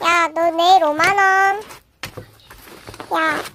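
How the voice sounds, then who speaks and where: A woman's voice: very high-pitched, fairly even intonation, drawn-out words, noisy background, pitched above the performer's own voice, full character voice. A young female voicing a bossy, arrogant schoolgirl bully leader who scolds and threatens her juniors. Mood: scolding. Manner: scolding, demanding, then shouting. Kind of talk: amateur role-play skit.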